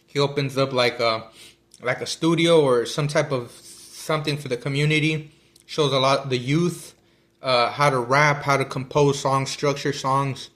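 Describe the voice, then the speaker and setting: A man's voice: mid-range voice, a bit bright. A man talking casually about a book he is reading, rambling with many fillers and restarts while he eats. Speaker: vlogger discussing a book. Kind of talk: casual chat.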